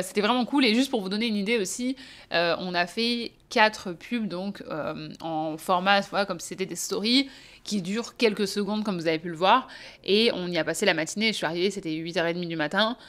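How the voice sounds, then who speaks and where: A woman's voice: medium pitch, a bit bright. A young French woman chatting casually to camera as a vlogger, talking with many hesitations and frequent laughs. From France. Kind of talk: casual vlog chat.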